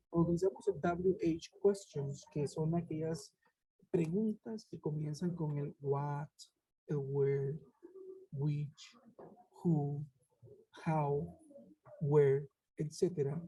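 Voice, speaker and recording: A woman's voice: lowish voice, mellow, husky, rough recording. A woman teaching an English grammar class over a web conference, explaining step by step and checking in with her students. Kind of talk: online class lecture. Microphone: web conference headset or laptop mic.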